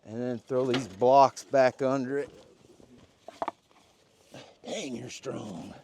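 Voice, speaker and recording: Hosting a shop vlog, a man jokes and laughs with his crew as he directs their work, excitable in manner. His mid-range voice takes things slowly against a noisy background, around the shop and yard and sometimes outdoors, captured on a worn mic he doubts is catching him.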